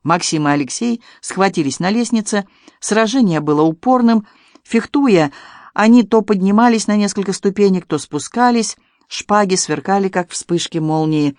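An audiobook narrator reading a historical adventure in an even, measured scripted narration. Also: medium pitch, no room sound, clean studio sound.

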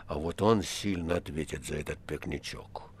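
A man voicing a quiet, grim male theatre manager in an audiobook. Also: level tone, moderate pace, a little hiss or hum. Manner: low, quiet.

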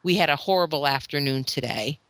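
A woman's voice: deep voice, expressive, a little fast, dry recording. A woman on a podcast in casual chat, speaking frankly as a parent and retelling family moments. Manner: frank, quotes her child in retelling.

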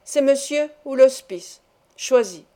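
A woman doing a harsh shouting peasant man. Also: high voice, lively intonation, slow, pitched above the performer's own voice. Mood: angry. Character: gruff brutal peasant man, greedy. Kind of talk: audiobook reading.

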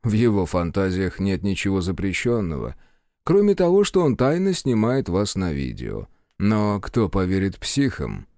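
A secretive hacker, voiced by a male reader, speaks slowly in a calm, polite and measured way. His voice sits fairly low but moves with life, and the recording is close and dry. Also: no echo.

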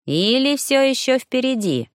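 A woman's voice: high voice, very animated, unhurried, no echo, studio quality, pitched above the performer's own voice. A woman reading the part of a scheming male sorcerer villain, drawling and coldly mocking.

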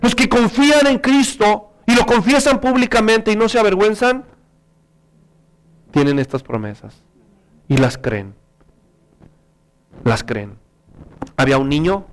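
A male pastor preaching a sermon, telling a story and reading scripture in an earnest, animated way. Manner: earnest and animated, rises in pitch for emphasis.

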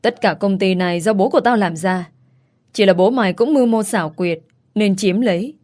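A woman's voice: mid-range voice, brisk, darkish tone, lightly acted. Cold threatening young man, read by a woman narrator, contemptuous, audio story.

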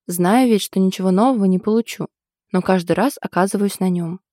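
A woman voicing a sharp-tongued, sarcastic young woman in an audiobook, with a loud, mocking delivery. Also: medium pitch, fairly quick, no echo, clean studio sound, close to an everyday voice.

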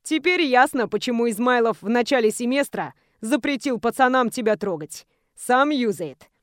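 A woman doing a sneering bully student, lowered voice. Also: lively intonation, normal speed, no echo, studio quality, close to an everyday voice. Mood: sneering threatening. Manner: sneering, lewd and taunting. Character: arrogant blond male student, crude blackmailing bully.

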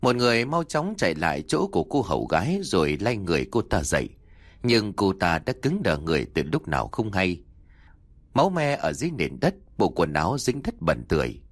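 Man narrating with a wildly lively pitch. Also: fairly quick. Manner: dramatic, expressive reading. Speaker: storyteller. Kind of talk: scripted audiobook narration. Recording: soft background music.

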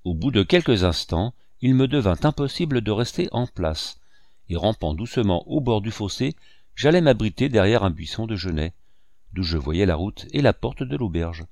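Low-voiced male audiobook narrator. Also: a little mellow, no echo, studio quality. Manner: measured, first-person storytelling. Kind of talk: scripted narration.

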